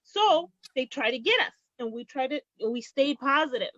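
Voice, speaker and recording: High-voiced, emphatic middle-aged woman. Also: lively intonation, normal speed, fairly bright tone, dry recording, lo-fi sound. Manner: emphatic, repeats phrases, acts out quotes. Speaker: small business owner, guest. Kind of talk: conversational storytelling on a panel.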